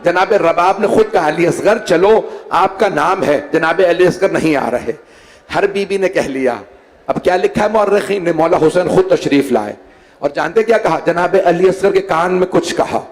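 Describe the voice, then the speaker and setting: A man with a Pakistani Urdu accent, a cleric reciting a mourning sermon at a gathering, whose delivery climbs into impassioned, shouted wailing. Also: high voice, moderate pace. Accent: Urdu-speaking Pakistani. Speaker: Shia cleric reciting a majlis.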